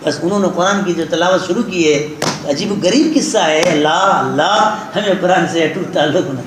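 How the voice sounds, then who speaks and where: A man preaching a sermon, telling a story and speaking straight to his listeners. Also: high-pitched. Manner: tells a story and addresses listeners directly. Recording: very echoey hall with background noise.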